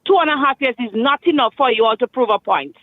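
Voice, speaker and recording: A woman's voice: fairly high pitch, quick pace, dry recording. Grenadian woman caller, emphatic and repetitive, heard through a tinny, clipped phone line. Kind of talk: call-in radio chat. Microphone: telephone.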